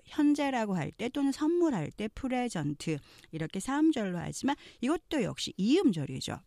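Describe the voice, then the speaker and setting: A woman gives an English pronunciation lesson in a lively, rising-and-falling voice. She speaks slowly and deliberately, pausing between phrases for learners to copy. The sound is close and dry, with no room echo. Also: on the low side, vocal fry. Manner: slow, careful drills spoken for learners to repeat; switches between explaining and modeling phrases. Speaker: English teacher.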